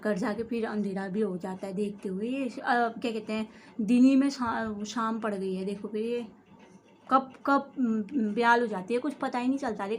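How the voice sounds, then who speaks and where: A woman's voice: medium pitch, a little hiss or hum. A woman with an Uttarakhand Hindi accent, acting out a gossipy village chat between two friends in a comic vlog, full of fillers and tag words. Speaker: comedy vlogger.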